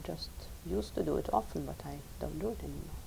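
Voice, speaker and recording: A professor and translator, a native Lithuanian speaker, answers questions in a recorded oral history interview. Her low voice has a gravelly edge, and she speaks in a measured, thoughtful way, often repeating words, over a faint hiss.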